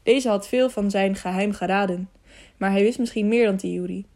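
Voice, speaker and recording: A woman narrating a children's adventure audiobook in a calm, even way, with the odd slip. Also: medium pitch, moderate pace. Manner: calm, even storytelling with small slips.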